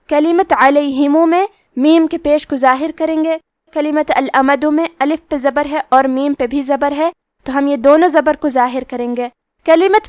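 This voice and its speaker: High-voiced woman teaching Quran recitation. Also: dry recording, studio quality. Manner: explains each letter rule plainly, then recites the word slowly. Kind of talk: tajweed lesson with slow recitation.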